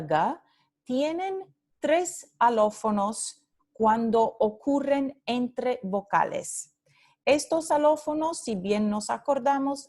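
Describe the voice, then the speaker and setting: A woman's voice: fairly high pitch, a little mellow. A woman teacher giving a recorded phonetics lecture, explaining step by step and repeating example sounds and words, with short asides in English.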